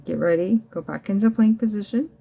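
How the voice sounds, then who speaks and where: A woman's voice: mid-range voice, a little fast, gravelly, dark tone. A woman working as a fitness instructor, coaching a home ab workout while demonstrating the floor exercises herself. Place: indoors at home.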